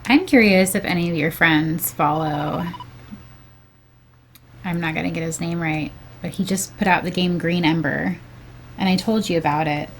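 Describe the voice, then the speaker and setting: A woman, a fantasy author, chatting casually with her brother and sometimes pausing to search for words. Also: fairly low pitch, a little hiss or hum.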